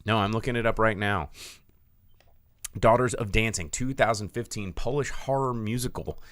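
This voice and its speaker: A man co-hosting a casual podcast chat, breaking into high mocking voices. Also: moderate pace, fairly bright tone, no echo, clean studio sound. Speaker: podcast co-host.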